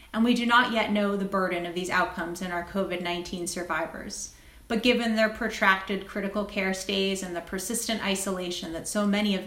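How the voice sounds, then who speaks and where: A woman who is a guest doctor and writer speaks articulately and in a measured way during an interview, also reading from her own essay. Her voice is medium-pitched with a fairly bright tone, and the recording sounds roomy and echoing.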